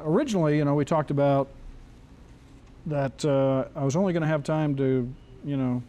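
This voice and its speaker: A man's voice: medium pitch, warm tone. A man teaching a screenwriting class in a loose, joking way, often restarting his sentences. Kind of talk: casual classroom talk.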